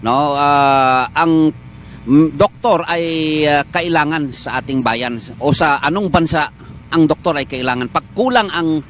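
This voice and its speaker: A man with a Filipino accent, a doctor guest on a morning TV show, explaining in a measured way with many "ah" fillers. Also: a little high, a bit bright, a little hiss or hum. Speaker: doctor of a medical association, guest. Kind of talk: morning TV interview.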